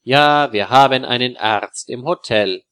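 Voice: mid-range voice, a little slow, a bit bright, clear, resonant tone, no room sound, studio quality, lightly acted. A man voicing a polite, helpful hotel receptionist in a storybook reading. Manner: polite, service-like.

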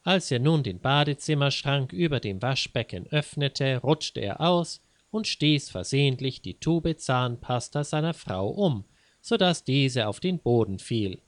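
A man reading a scripted lesson story aloud in a wry, teacherly way. His voice sits at a middle pitch. The recording is close and dry, with no room sound. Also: lively intonation, measured pace, no echo. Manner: didactic, wry. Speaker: language teacher.

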